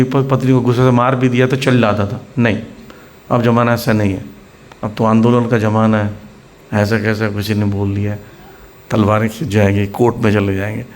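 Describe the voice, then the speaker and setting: Male spiritual teacher giving a devotional lecture. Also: medium pitch. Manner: explains patiently, often checks in with the audience; acts out scolding and gentle voices in his examples.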